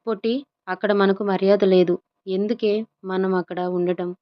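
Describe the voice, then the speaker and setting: A woman's voice: mid-range voice, fairly even intonation, normal speed, no room sound, close to an everyday voice. Touchy young husband, bitter resentful tone, read by a woman, muffled sound. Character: proud, hurt young husband, quick to anger.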